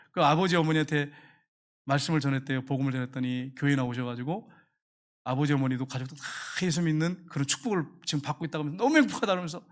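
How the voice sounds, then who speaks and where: Fast-talking, high-voiced male pastor. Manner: emphatic, repeats key phrases. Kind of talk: sermon.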